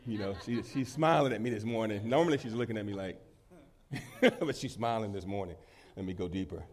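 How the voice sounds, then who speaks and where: A man preaching a sermon to his congregation as pastor while he has a cold. He swings between loud emphasis and quiet asides and laughs easily. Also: lowish voice, brisk. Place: church in front of a congregation.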